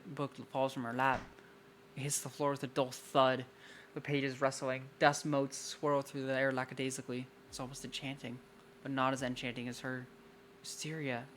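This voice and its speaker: A man's voice: medium pitch, a bit bright, a little hiss or hum. A male streamer reading a visual novel aloud, breaking in with wry, reactive asides.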